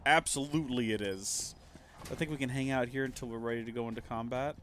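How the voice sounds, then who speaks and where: A man's voice: medium pitch, fast talker, fairly bright tone, slight background noise. A man giving casual, jokey gameplay commentary as a streamer, thinking aloud as he plays. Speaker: game streamer.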